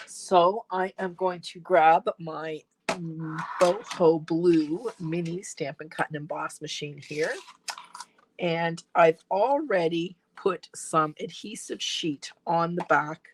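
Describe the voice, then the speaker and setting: Fairly low and husky, this woman's voice comes through poor audio. She's an independent stamping demonstrator losing her voice, chatting to viewers at her craft table and walking them step by step through a project as her hands work.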